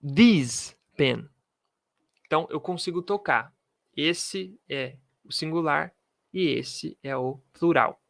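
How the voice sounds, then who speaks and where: Slow, dry-voiced man teaching English. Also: on the high side, gravelly, fairly bright tone, no echo. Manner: slow, drilling pronunciation with repetitions. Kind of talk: video lesson. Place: room with pens and a globe.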